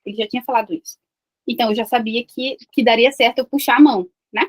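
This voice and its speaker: A Brazilian woman in her thirties tells a live online group about a deeply emotional spiritual experience. She speaks in a confiding, repetitive way and sometimes breaks off to manage the call. Her voice sits fairly high for a woman. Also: fairly even intonation, fast talker. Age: 30s. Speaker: online community host. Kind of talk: personal testimony to a live group.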